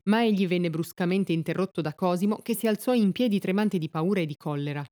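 Woman storyteller, measured reading, dry close sound, mellow voice. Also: lowish voice, dry recording. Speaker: narrator.

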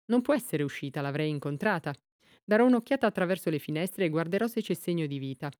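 Hearty, decisive village woman in her fifties, deep and booming, voiced by a woman narrator; smooth storybook read. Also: animated, quick pace, darkish tone, no echo. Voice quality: booming baritone voice. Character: jovial brisk woman of fifty-five.

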